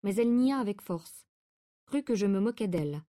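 Brief: woman audiobook narrator, measured and expressive, warm tone. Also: mid-range voice. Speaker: audiobook reader. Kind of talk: literary narration.

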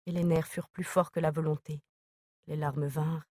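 A woman reading a novel aloud as narrator, in a measured, even manner. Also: low voice, dry recording, studio quality. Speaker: audiobook narrator.

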